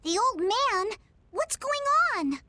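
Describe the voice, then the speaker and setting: A brusque teen girl mage, very high voice, lively pitch, dry studio sound. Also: takes it slowly, no room sound, full character voice. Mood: impatient. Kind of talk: video game voice acting.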